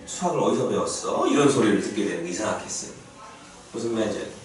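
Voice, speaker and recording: Lively male teacher in echoey classroom. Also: medium pitch. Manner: lively, asks students frequent check-in questions. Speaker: math teacher. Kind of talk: classroom math lecture. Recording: echoey classroom from far off, faint noise.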